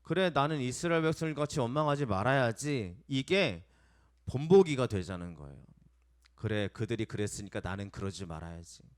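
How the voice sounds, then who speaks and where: Korean pastor preaching in a conversational way. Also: male voice, medium pitch, expressive, fairly quick. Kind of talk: sermon.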